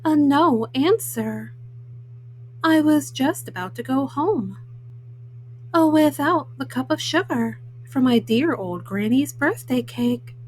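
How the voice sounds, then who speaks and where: A woman voicing a folksy, self-justifying male wolf in a storybook, haltingly, with frequent uhs. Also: sits high, expressive, darkish tone, slight background noise, rough recording. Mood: self-justifying, matter-of-fact. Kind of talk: storybook read-aloud in first person.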